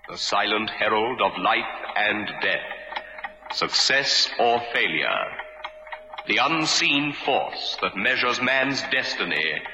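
An actor playing a solemn, portentous narrator introducing an old radio suspense tale, grave and measured, in an echoing recording. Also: male voice, on the low side, expressive, background noise. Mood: ominous.

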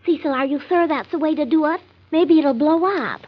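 In an old radio comedy, a female actor plays a nervous, prim wife whose high voice sounds earnest, fretful and stubbornly insistent. Her delivery is brisk and natural. The recording is dull, lo-fi and vintage.

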